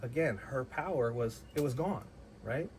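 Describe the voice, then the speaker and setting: A man's voice: medium pitch, a little slow, a little mellow, slight background noise, low-quality recording. A man telling a personal story in a blunt, heated way, swearing freely and often restarting his sentences. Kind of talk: casual storytelling.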